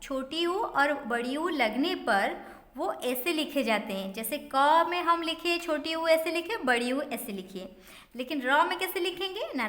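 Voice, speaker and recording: A woman teaching young children, breaking each point down step by step and answering the questions she asks herself. Her voice sits high. The sound carries a roomy echo with a long reverb tail. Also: fairly bright tone. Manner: explains step by step, asks and answers her own questions, mixes in English words. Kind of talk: classroom lesson for children. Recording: echoey room with long reverb.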